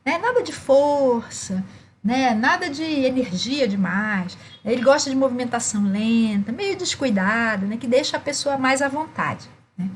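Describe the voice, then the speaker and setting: A woman's voice: fairly high pitch, fairly bright tone, slight background noise. A woman presenting a teaching webinar, tagging her sentences with "né?" and reading out lists of words. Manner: frequent "né?" tags, lists words.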